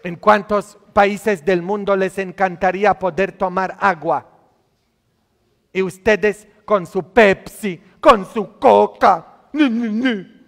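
Priest guy preaching in a big echoey church, high voice, slow and gravelly. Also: fairly bright tone. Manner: scolding, teasing, asks the congregation questions. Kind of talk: sermon.

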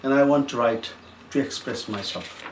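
A middle-aged man from Nepal answering interview questions as a writer, speaking in a measured way with many pauses and fillers. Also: medium pitch. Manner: measured, with frequent hesitations and fillers. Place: plain indoor room. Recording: echoey room with faint noise.

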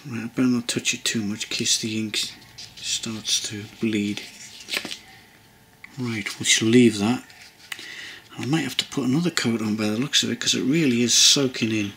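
At his indoor hobby workbench, a man narrates a model-building tutorial in a casual, rambling way, full of ums, hesitations, and restarts. His mid-range voice is pushed and bright with vocal fry, moving at a normal pace with fairly even intonation over slight background noise.

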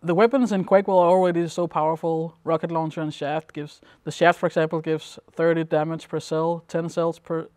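A young man from Denmark talks through interview answers at an easy, wandering pace, full of little fillers. His voice is smooth and clear, a bit high for a man, and flat in its melody. The sound is dry and close. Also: fairly quick, few pauses, no room sound. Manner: relaxed, rambling with many fillers. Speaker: interviewee, competitive gamer. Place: dim indoor room at a gaming event.

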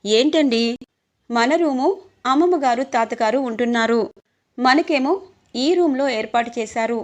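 A woman's voice: fairly high pitch, unhurried, darkish tone, natural voice. A woman reading a shy young bride. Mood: wondering. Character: shy young wife on her wedding night.

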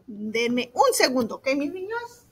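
A woman teacher giving a remote lesson to young children, slow, sweet and encouraging, asking "ok?" often and mixing in English words. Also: high-pitched, big pitch swings, a bit bright, slight background noise. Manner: mixes in English words like "so" and "all right".

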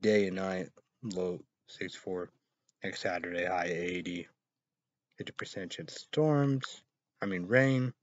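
A low-pitched man in his thirties hosts a rambling solo vlog from a small, dim indoor room, reading out weather and news headlines. He reads haltingly, spelling words out and repeating phrases, then suddenly bursts into loud exclamations. A webcam or laptop mic at arm's length captures dull, lo-fi audio.

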